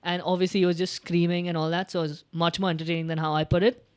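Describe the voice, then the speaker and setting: Excitable, profane sports podcast guy. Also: high-pitched, very fast, clear, resonant tone. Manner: excitable, swears freely, acts out quotes. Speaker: podcast host. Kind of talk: casual sports chat.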